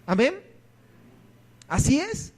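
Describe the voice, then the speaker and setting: High-pitched guy preaching in church, asks the crowd stuff then answers it himself. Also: wildly swooping pitch, extremely slow, darkish tone. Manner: asks the congregation questions and answers them himself. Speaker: pastor. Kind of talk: sermon.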